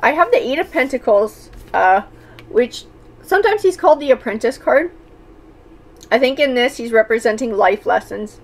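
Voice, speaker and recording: A woman's voice: fairly high pitch, animated, moderate pace. A woman doing a tarot reading, speaking thoughtfully with frequent fillers and restarts. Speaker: tarot reader.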